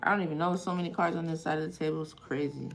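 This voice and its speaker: This tarot reader, a Haitian woman with a Haitian accent, has a deep, gravelly voice with fairly even intonation, and she races along. Doing a live reading, she asks the cards questions out loud as she thinks, keeping things casual and profane. A little hiss or hum sits under the recording.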